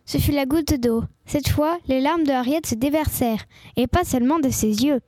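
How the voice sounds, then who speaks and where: Woman narrator, high and warm, lively audiobook read. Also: moderate pace, no echo.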